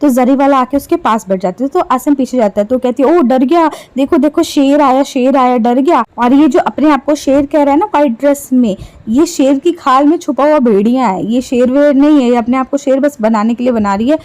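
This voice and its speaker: A woman's voice: sits high, fairly quick, hardly any pauses, a little mellow, low-quality recording. A woman giving casual, sarcastic gossip commentary on reality show clips, taunting the people she talks about.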